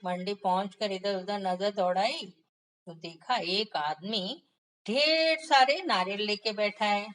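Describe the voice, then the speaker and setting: A woman telling a children's story in a lively, conversational way, asking the listener questions along the way. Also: mid-range voice, slow pace, poor audio.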